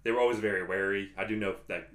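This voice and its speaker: A man's voice: fairly low pitch, fairly even intonation, fast, a bit bright, roomy sound. A man co-hosting a podcast in casual chat, rambling with many restarts and fillers. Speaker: podcast co-host.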